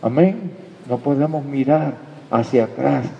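A man's voice: mid-range voice, a little slow, vocal fry. Man, preacher, emphatic sermon, reverberant church hall, muffled lo-fi recording. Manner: emphatic preaching, rises and drops in loudness. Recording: dull sound in a reverberant hall.

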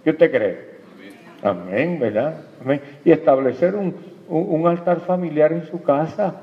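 This preacher's voice leans high and he speaks unhurriedly, putting questions straight to the congregation and calling them "hermano" during his sermon. A long hall reverb colors the lo-fi recording.

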